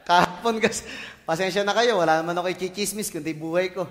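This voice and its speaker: Pastor guy, high bright voice, jokey lively sermon, long hall echo. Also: fast. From Philippines. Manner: animated, joking, playful voices and shouts, mixes English in. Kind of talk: lively sermon with comic asides. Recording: church hall reverb.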